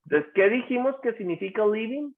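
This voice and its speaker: A man's voice: sits high, animated, a little fast. A male teacher taking an online class through grammar examples, patiently asking questions and repeating the answers. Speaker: English teacher. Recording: tinny phone-like call audio.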